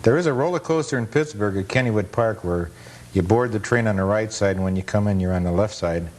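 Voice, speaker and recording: This guest author, an amusement park enthusiast, has a lowish, slightly mellow voice and speaks quickly. In plain terms, he answers interview questions and comments on film, much like an enthusiast narrating old footage.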